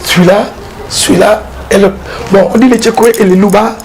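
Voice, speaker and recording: A man, an art dealer and collector, explaining his pieces in a casual interview, halting and repeating words as he goes. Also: high-pitched, fairly even intonation, a little mellow. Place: exhibition hall with his collection. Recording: noisy background hiss.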